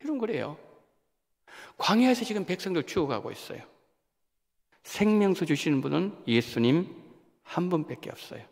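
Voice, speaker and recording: A male pastor preaches in a church sanctuary, his voice swinging widely from low to high as he acts out the people in his text. His tone is gravelly and fairly high, and a long reverb trails each phrase. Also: normal speed, long pauses. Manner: animated preaching, acting out quoted voices and asking the congregation questions. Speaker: senior pastor. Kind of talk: sermon.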